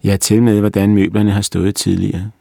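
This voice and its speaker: A man reading a story aloud as narrator, in a steady and measured manner. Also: on the low side, vocal fry, dry recording, studio quality. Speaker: reader.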